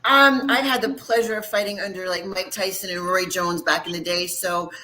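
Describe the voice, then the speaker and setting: A woman's voice: lowish voice, fairly even intonation, moderate pace, pushed and bright, slight background noise, low-quality recording. A woman giving conversational fight analysis as a panelist, informal and often checking in with the listener. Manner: informal, checks in with "right" and "you know". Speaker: former boxer, panelist.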